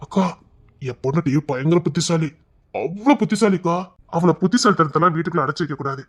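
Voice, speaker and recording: A man's voice: a little high, fast talker, lightly acted. A man playing a kind, devoted young man who reassures an older woman in an audio drama. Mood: earnest. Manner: earnest, warm-hearted, reassuring. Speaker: young husband-to-be waiting outside an exam hall.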